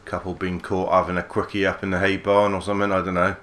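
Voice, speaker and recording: Male let's player, deep monotone voice, laid-back musing. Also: fast. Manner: relaxed musing, mild swearing. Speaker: gaming channel host. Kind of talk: let's play commentary.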